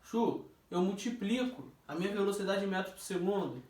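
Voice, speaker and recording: A male physics teacher giving a relaxed, joking review and quizzing a student. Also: high-pitched. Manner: jokey, questioning, drawn-out stressed words. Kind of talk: informal classroom review. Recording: echoey room, distant mic.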